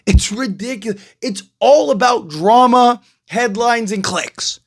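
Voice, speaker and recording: A man's voice: very high voice, a little slow. A man hosting his own channel, giving a rambling, exasperated opinion rant about basketball media, full of fillers and repeated questions. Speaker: channel host. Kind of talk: opinion commentary vlog.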